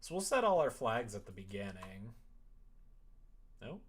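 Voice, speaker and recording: This streamer making a visual novel talks through their live coding in a sing-song, medium-pitched voice at a measured pace. Muttering and thinking aloud, they drop in playful exclamations, with a slight hiss or hum audible.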